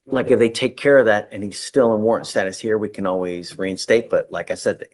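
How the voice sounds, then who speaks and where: A man's voice: on the low side, fairly even intonation, brisk, darkish tone. A male judge presiding over a hearing in a courtroom, plain-spoken and conversational, with a joking side.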